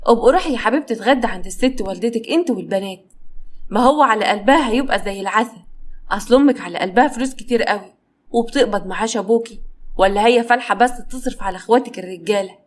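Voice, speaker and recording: A woman's voice: on the high side, rapid-fire, lightly acted. A woman with an Egyptian accent voicing a stingy, lazy young husband who teases in a sly, mocking way.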